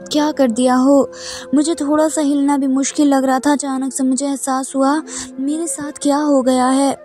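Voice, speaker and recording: A woman narrating a dramatic first-person story in a steady, even manner. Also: sits high.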